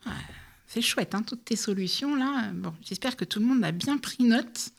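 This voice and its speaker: A woman radio host chatting casually in her studio, with a voice a little higher than most. She keeps things informal and pokes fun at herself now and then. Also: expressive, normal speed, creaky. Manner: informal, chatty, self-deprecating.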